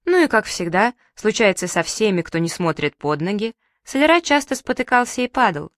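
A woman reading a children's story aloud in a calm, even storytelling manner. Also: medium pitch, normal speed, no room sound, clean studio sound. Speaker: narrator.

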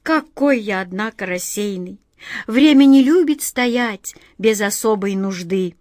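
Brief: woman doing kindly scatterbrained wizard, soft and teasing, lively. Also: mid-range voice, measured pace, dry recording, clean studio sound, lightly acted. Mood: gentle. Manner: gentle, teasing. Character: kindly, absent-minded male wizard.

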